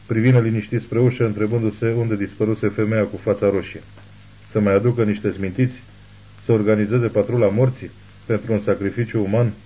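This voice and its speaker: A man narrating an audiobook novel in a steady, measured reading. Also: lowish voice, poor audio.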